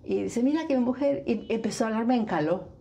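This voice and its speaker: A woman's voice: on the high side, expressive, fairly quick, vocal fry, mellow. An older woman from Mexico with a Mexican Spanish accent, chatting in an interview and dropping in English phrases. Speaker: guest, flamenco dancer. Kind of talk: casual interview chat.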